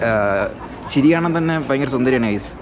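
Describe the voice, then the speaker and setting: A man's voice: medium pitch, lively intonation, normal speed. A young man with a Malayali accent chatting casually to viewers as a travel vlogger, mixing Malayalam with English words and phrases. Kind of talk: casual vlog chat to viewers. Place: outdoors around a hill town and forest. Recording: outdoor street sound with background chatter.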